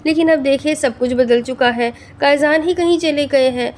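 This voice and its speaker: A hurt young wife in the late months of waiting speaks in a pleading, upset tone, as a woman narrator reads her. The voice sits somewhat high, in an audiobook reading. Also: a little mellow, a little hiss or hum, lightly acted. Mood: tearful. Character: tearful young pregnant wife, clinging and hurt.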